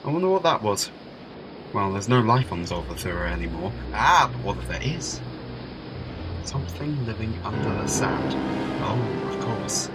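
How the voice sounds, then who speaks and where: A man playing the Doctor, an excitable, caring and inquisitive time traveller, in a fan audio drama. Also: lowish voice.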